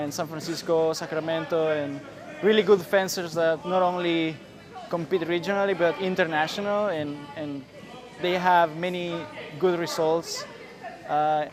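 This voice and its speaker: A man from El Salvador, a saber fencer, talking about his training in a halting way with many pauses. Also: a little high. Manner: halting, pausing often. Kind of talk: short interview statement. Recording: crowd noise outdoors.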